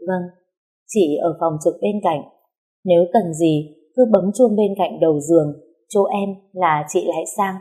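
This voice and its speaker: A woman voicing a young female hospital nurse who gives brisk, caring warnings. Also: fairly low pitch, mellow, slightly rough.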